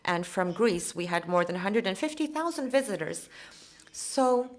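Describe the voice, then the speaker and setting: A woman provides simultaneous English interpretation of conference speeches, her delivery measured and halting as she keeps pace with the speaker. Her voice is medium in pitch with lively intonation.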